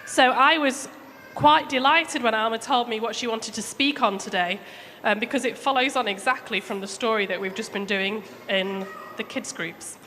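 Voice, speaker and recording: A woman tells children a story in a church hall during a service, her fairly high voice bright and forceful, with fairly even intonation at normal speed. She chats with them, keeps things simple, and asks questions. The audio is echoey with noise in the background.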